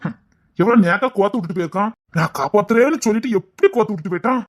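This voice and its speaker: A man's voice: high-pitched, expressive. A young man playing a village son who stammers out excuses to his father and reassures his girlfriend. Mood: sheepish. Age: young adult. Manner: stammering excuses, fast and husky.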